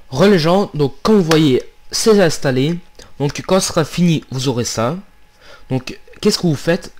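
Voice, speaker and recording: A man talks through a software tutorial at his computer in a casual, unscripted way. He hesitates often and restarts his phrases as he walks through each step, recorded on a desktop microphone. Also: medium pitch. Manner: hesitant, many fillers and restarts, steps through clicks. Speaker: tutorial maker.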